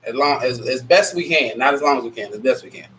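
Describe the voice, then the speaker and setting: Sick with congestion and a scratchy throat, a male livestream host speaks quickly in a mid-range voice that sounds nasal. It's a casual live Q&A, and he rambles, stays frank and blunt, and reads off names from chat.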